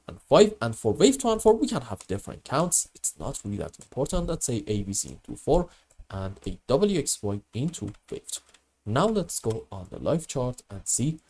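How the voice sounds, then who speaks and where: Sick with a bad cold, a man speaks in a grating voice that is mid-range with a warm tone. He teaches a live chart analysis lesson in an emphatic, instructional manner.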